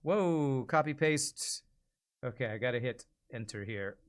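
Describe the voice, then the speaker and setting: With lively intonation, a medium pitch, and a measured pace, this forties-aged streamer, who also does amateur voice acting, reads and reacts aloud in a relaxed livestream chat.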